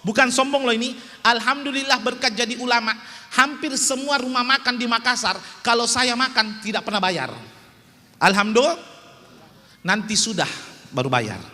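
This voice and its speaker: A man's voice: very high voice, normal speed, sharp tone. A man preaching a humorous sermon in a small prayer hall, joking and teasing his audience.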